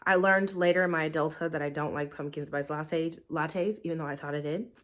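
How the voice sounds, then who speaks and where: She has a deep, steady voice with a blocked-up, slightly nasal quality and speaks fairly quickly. The young woman is at home in her living room, filming a casual tea review in portrait mode and rambling with hedges like um and like.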